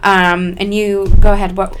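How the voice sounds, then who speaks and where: A woman's voice: mid-range voice, little pitch movement, moderate pace, a bit bright, clean tone, rough recording. A woman with a mid-range voice chats as a podcast co-host. Her delivery is casual and conversational, with an appreciative, effusive way of talking.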